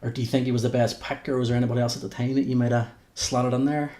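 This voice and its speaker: A man's voice: medium pitch, flat delivery, racing, mellow. A man co-hosting a podcast, chatty and jokey. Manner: chatty, jokey, reels off names. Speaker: podcast co-host. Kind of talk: casual wrestling podcast chat. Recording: roomy echo.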